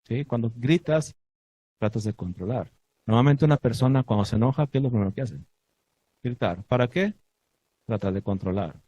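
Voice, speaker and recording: Male congregation teacher, sermon delivery, husky tone, dry close sound. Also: mid-range voice, animated, normal speed, long pauses, mellow, no echo, poor audio. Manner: asks the congregation questions, recites Hebrew blessings.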